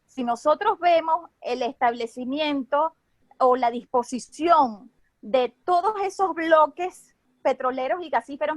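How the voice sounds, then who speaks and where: A woman speaks in a noticeably high voice with a Venezuelan Caribbean Spanish accent, recorded dry and close. Her delivery is didactic and semi-formal, like an expert explaining a subject, with short tag questions to check that listeners follow. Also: dry recording.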